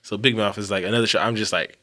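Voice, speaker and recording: A man chatting casually about TV shows as a podcast co-host, rambling and animated, swearing freely. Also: on the low side, very fast.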